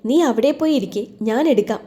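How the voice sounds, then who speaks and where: A woman's voice: a little high, fast, dark tone, close to an everyday voice. Woman voicing a curt stern young man. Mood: irritated. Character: stern wealthy young man, impatient suitor.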